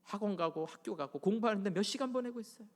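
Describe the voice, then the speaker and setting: High-voiced middle-aged pastor preaching. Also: male voice, quick pace. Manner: swings between loud exhortation and hushed near-whispered asides; presses the congregation with rhetorical questions. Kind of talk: sermon. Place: church sanctuary. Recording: long church reverb.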